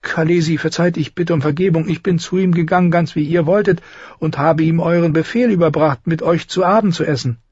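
A frightened young servant girl who speaks high-pitched and breathless, as a male reader puts her on. Her words tumble out quickly, with a husky edge. The recording is dry and slightly dull. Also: steady tone, darkish tone, no room sound. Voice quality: breathless and fearful.

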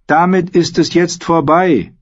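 A man reading an audiobook voices two blunt, ominous old women with a shrill, harsh manner. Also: steady tone, unhurried, muffled recording.

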